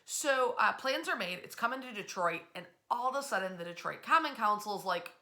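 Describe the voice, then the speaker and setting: Speaking at a medium pitch, this woman leads an informal history storytelling session. Her delivery is chatty, peppered with lively asides and emphatic pauses.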